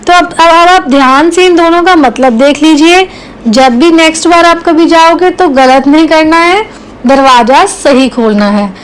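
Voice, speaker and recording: A woman's voice: high-pitched, poor audio. A woman teaching spoken English to learners. She repeats each example sentence word by word and answers her own questions. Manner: asks the learner questions, then answers them herself.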